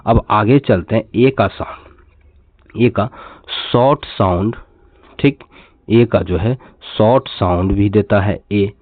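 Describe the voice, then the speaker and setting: Low-voiced man teaching, tinny sound. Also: slow, long pauses, dry recording. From India. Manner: repeats each word and asks the class what it is read as. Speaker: English teacher. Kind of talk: classroom lesson, explaining step by step. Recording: tinny phone-like dry sound.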